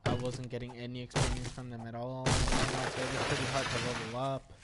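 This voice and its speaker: A man's voice: medium pitch, monotone, brisk. A man giving casual gameplay commentary as a streamer, rambling and often stammering and restarting his sentences. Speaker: game streamer. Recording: loud game noise underneath.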